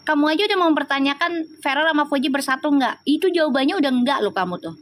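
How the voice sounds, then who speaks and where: Woman, tarot reader, live stream, high voice, affectionate, chatty, faint noise behind. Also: lively intonation, fast. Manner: chatty, affectionate, reassuring, preachy asides.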